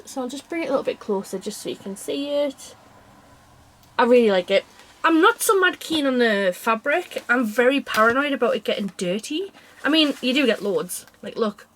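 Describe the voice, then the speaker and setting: A woman chatting casually to camera as a craft vlogger, rambling along with frequent self-interrupting asides. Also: on the high side. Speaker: cross-stitch vlogger.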